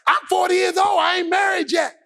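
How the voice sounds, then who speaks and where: A man preaching a sermon with an impassioned, sing-song shouted cadence. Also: very high voice, fairly even intonation, a little fast, vocal fry.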